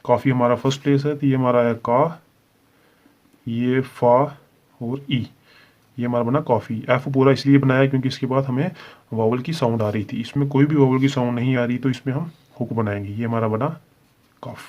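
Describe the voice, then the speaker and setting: A man's voice: mid-range voice, steady tone, moderate pace, darkish tone. A man teaching shorthand in a step-by-step lesson, speaking with a Hindi accent and patiently checking in with "theek hai" as he goes. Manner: explains patiently, repeats "ठीक है" often. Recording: slightly dull lo-fi sound.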